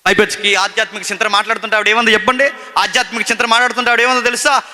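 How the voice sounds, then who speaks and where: Man preaching, high voice, piercing bright tone, loud questions and hushed stories. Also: level tone, very fast. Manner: swings between loud emphatic questions and hushed storytelling. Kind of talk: sermon. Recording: long hall reverb.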